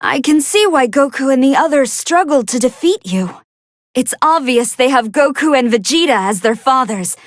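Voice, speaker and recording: A woman playing a polite, excitable young android scientist who fights a hidden hunger, giving earnest, articulate commentary in an anime fighting game. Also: sits high, normal speed, no echo, studio quality. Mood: curious, analytical. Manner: articulate, earnest, formal scholarly phrasing.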